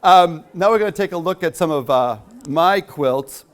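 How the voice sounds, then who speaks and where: A man's voice: on the high side, normal speed, smooth. A man giving a rambling, chatty talk at a quilt show and taking questions from the audience, with many fillers. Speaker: featured speaker at a quilt show. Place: hall.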